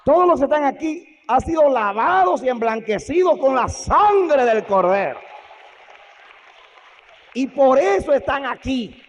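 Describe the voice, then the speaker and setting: A preacher voicing a male angel in heaven who proclaims slowly and solemnly. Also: very high voice, very animated, voice pushed up, full character voice. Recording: dull lo-fi recording.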